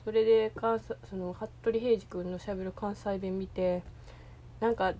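A woman with a Kansai accent from Osaka, talking alone in a loose, meandering chat. Her voice sits at a middling pitch, and she stops and restarts her sentences often. A faint noise hums under her voice. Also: steady tone, measured pace, dull audio. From Osaka, Japan. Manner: rambling, hesitant, full of fillers and restarts. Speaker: podcast host. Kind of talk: casual solo chat.

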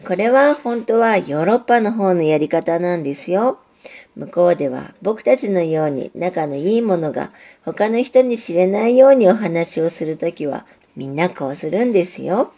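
A woman's voice: lowish voice, expressive, normal speed, warm tone. A woman voicing an earnest, lovesick young male railway signal in a storybook reading, pleading and eager. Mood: confiding. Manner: pleading, eager, repeats himself.

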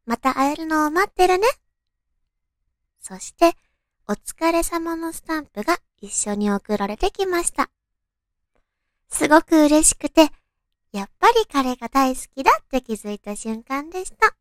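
A woman radio host with a naturally cute, high anime-girl voice, talking sweetly to listeners and reading out stories in a girlish way. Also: sing-song, moderate pace, dry recording, studio quality. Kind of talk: soft-hearted radio talk and read-out listener love stories.

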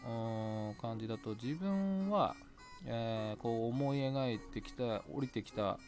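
A man's voice: mid-range voice, a little slow, a little mellow, faint music behind. A man hosting his own talk podcast, rambling casually and chuckling to himself as he looks back on past episodes. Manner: chatty, rambling, laughs to himself. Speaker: podcast host. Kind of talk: solo talk radio looking back.

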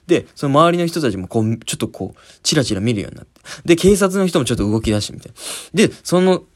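A man hosting a podcast, telling a story in a casual monologue and acting out scenes with sound words. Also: sits high. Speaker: podcast host.

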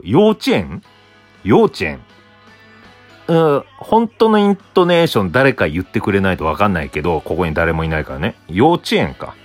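A young man from Hokkaido talks alone on his podcast in a loose, rambling way, often answering himself with a soft murmur. His voice sits low but jumps around in lively swings of pitch. Faint music plays under him. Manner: rambling, self-answering with frequent soft "un" fillers. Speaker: podcast host. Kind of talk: solo casual talk.

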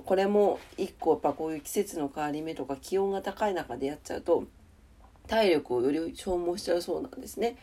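A woman's voice: low voice, warm tone, breathy edge. A woman with a congested, nasal voice hosting a casual morning radio-style show in a polite, chatty way. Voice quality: nasal, stuffed-up voice. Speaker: solo morning audio show host. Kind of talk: casual morning radio-style chat with weather and daily notes.

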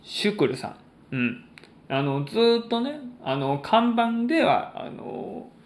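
A man hosting a solo podcast, chatting in polite, formal announcer-like phrasing with frequent pauses. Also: sits high, sing-song, reverberant. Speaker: podcast host and stand-up comedian.

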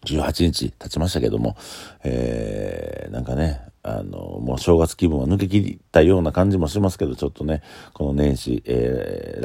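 A man's voice: a bass voice, creaky, warm tone, husky, no echo, studio quality. A man with a Kansai accent, a standing bar owner, talking casually on his own in a blunt, opinionated way. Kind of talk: casual solo talk.

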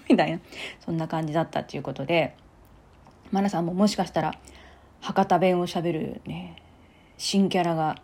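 A woman hosting her own podcast, chatting casually and softly with little laughs and asides. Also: lowish voice, slightly rough. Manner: chatty, soft-spoken, giggly asides. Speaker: podcast host. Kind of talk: casual solo talk.

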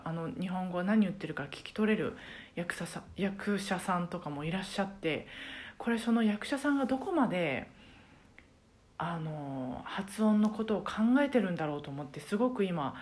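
Soft-spoken woman karaoke teacher, low voice. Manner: soft, thoughtful, many fillers. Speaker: karaoke teacher and podcast host. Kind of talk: casual solo podcast talk.

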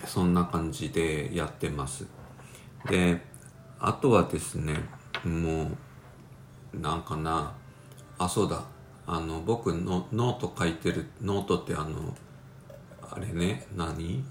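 A man with a stuffy nose from a cold, rambling in a casual solo talk with many fillers. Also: a bass voice. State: congested, nasal from a cold. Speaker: podcast host. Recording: roomy with faint background noise.

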